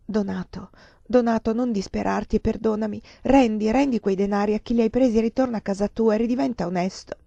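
A woman's voice: medium pitch, fast talker, gravelly, warm tone, no room sound, highs cut off. A woman reading aloud, voicing a frightened young countess who pleads with trembling words. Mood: pleading.

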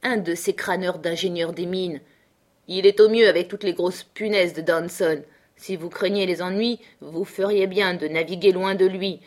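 A woman's voice: on the low side, fairly even intonation, moderate pace, natural voice. A woman reading aloud, voicing a chatty, knowing man who passes on gossip. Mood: confiding. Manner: confiding and chatty.

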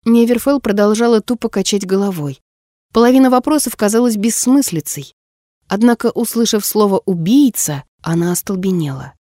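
A woman narrating a story in a measured, expressive audiobook reading. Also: mid-range voice, no room sound, studio quality.

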